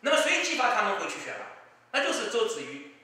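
A man's voice: high voice, huge pitch swings, fast talker, pushed and bright. A man giving emphatic political commentary, with rhetorical asides to his listener. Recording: distant mic in an echoey room.

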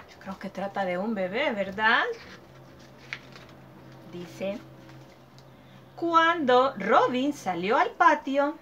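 Woman teacher, storybook read-aloud, slow careful pace, bright voice, faint room noise. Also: a little high, highs cut off. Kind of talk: reading a picture book aloud to children.

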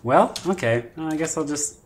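A man giving jokey, excitable running commentary while playing a video game, swinging between panic and mock grief. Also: fairly high pitch, moderate pace, slight background noise. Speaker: gaming commentator. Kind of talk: live gameplay commentary. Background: background music.

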